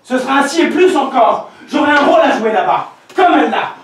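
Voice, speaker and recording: A defiant, idealistic teenage son, played by a young man on stage, scornful toward his mother and quick to burst into shouts. His voice sits very high for a man. It echoes heavily around a hall, picked up from far away over a faint hiss. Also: lively intonation. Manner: mocking and passionate, bursts into shouts. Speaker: actor. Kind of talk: stage play performance. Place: theater stage.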